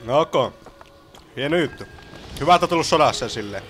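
A young man giving casual let's play commentary, swearing and excitable. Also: medium pitch, faint music behind. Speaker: gaming streamer. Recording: game sound noise behind. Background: video game sound.

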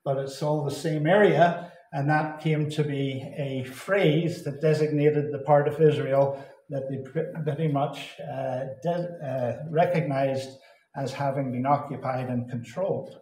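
A man from Canada, giving a deliberate Bible teaching address that repeats and stresses key words. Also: medium pitch, fairly even intonation, a little mellow, slight background noise. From Saskatchewan, Canada. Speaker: Bible conference speaker. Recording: echoey hall.

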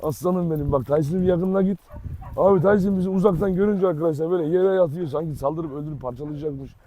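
A man from Turkey hosting a casual vlog outdoors in a dog yard, loud and teasing, coaxing the dogs with pet names. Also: fairly high pitch, fast talker, slight background noise. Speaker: dog channel host.

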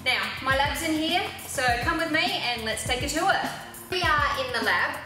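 A woman's voice: high voice, moderate pace. A woman in her forties with an Australian accent, giving an upbeat, practical guided tour of her cosmetic lab and talking straight to the viewer. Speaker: cosmetic chemistry educator. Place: small commercial lab with steel benches, indoors. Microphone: lapel mic. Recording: echoey lab room with background music.

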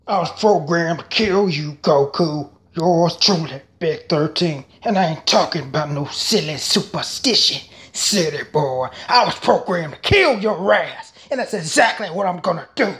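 A man's voice: on the high side, lively intonation, moderate pace, a bit bright, pitched below the performer's own voice. A man voicing a cocky, cold-blooded killer android from an anime.

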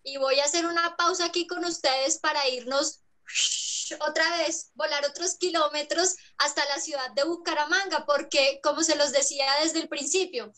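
Lady host asking questions, high and bright, calm storytelling way. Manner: measured, storytelling transitions. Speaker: interviewer. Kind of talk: formal interview questioning.

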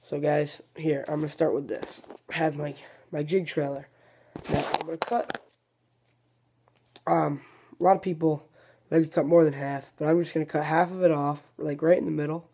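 A man with a fairly high voice hosts a fishing video, casually walking through a tackle trick step by step at normal speed. He is relaxed and rambling, often restarting sentences and correcting himself, with long pauses and a noisy background.

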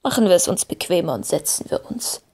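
A woman voicing an old male wizard who speaks slowly and gravely, calm and wise. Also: lowish voice, heavily acted. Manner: slow, grave, measured speech.

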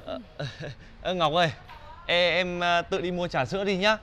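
A high, bright voice: a cheeky young sidekick who teases with mocking quips, as an actor plays him. He has a Northern Vietnamese accent. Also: moderate pace, a little hiss or hum. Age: young adult. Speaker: actor in comedy sketch.

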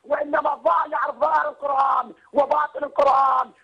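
A man's voice: very high-pitched, level tone, quick pace, creaky, raised voice, soft background music, a faint crowd. A male caller on the phone who argues back in an agitated, raised voice. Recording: tinny phone line.

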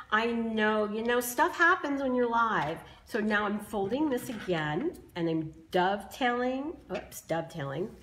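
A slightly hoarse woman demonstrating bow making in a live craft tutorial, chatting with viewers as she explains each step. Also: mid-range voice, a little hiss or hum. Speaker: craft tool creator demonstrating bows.

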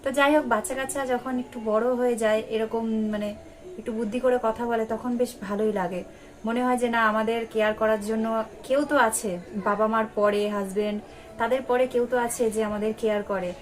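A woman's voice: a little high, fairly even intonation, fast talker, slight background noise. A young woman from West Bengal with a Bengali accent, chatting casually to her viewers in a home vlog. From West Bengal, India. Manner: chatty, addresses viewers as friends. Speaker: home vlogger. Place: home, indoors.

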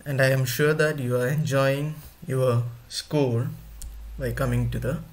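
A male teacher leads an online class in a steady, medium-pitched voice. He speaks slowly and repeats his points often, addressing his students directly.

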